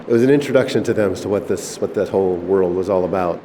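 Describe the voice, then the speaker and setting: The owner of a former missile silo, a middle-aged man, leads a tour while being casually interviewed, speaking low-pitched and quick. He's relaxed and rambling, peppering his talk with fillers, and the concrete chamber around him echoes with a bit of faint noise.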